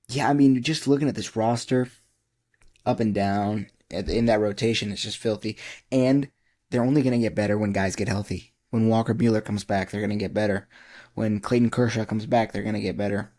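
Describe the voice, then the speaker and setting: Man, baseball podcast host, casual joking chat, rattles off names, warm mellow tone. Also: lowish voice, fairly even intonation, normal speed.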